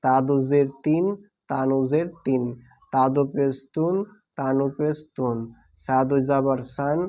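A man teaching Quran reading with a Bangladeshi Bengali accent, spelling out letters and vowel marks syllable by syllable in a slow, deliberate lesson. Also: mid-range voice, flat delivery, mellow. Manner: slow, drawn-out, deliberate delivery.

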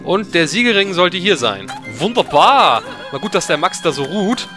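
A man's voice: high-pitched, very animated, moderate pace, over music. A man giving casual, chatty gameplay commentary in a playful, ironic way. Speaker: let's player.

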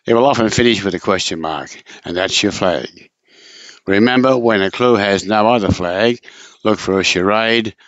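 Low-voiced man, patient tutor. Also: a bit bright, dry recording. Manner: patient, repetitive, drawn-out explaining. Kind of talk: casual spoken tutorial. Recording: dull lo-fi recording.

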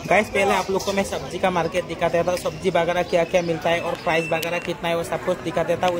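High-voiced young man vlogging a market. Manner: chatty, addresses viewers as guys, asks prices. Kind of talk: casual market vlog narration. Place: outdoor market.

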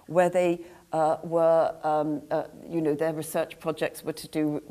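Older woman panelist, dark mellow tone, hesitant delivery full of restarts. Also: sits low, flat delivery, measured pace. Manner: hesitant, many restarts, gesturing. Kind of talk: panel discussion. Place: large room with a seated audience.

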